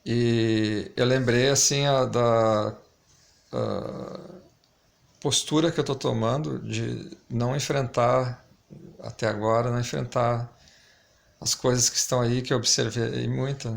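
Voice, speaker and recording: A man's voice: medium pitch, fairly even intonation, gravelly. A man talking casually and reflectively to camera, hesitant, his articulation slightly lisped and stumbling from wearing a dental retainer. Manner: hesitant, reflective, pausing often. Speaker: amateur video maker.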